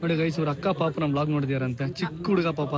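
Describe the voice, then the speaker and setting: Fast-talking playful young man vlogging. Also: a little high, steady tone. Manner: playful, teasing, greets everyone. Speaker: vlogger host. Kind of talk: casual vlog chat. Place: crowded indoor birthday party. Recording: noisy party crowd behind. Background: chattering crowd.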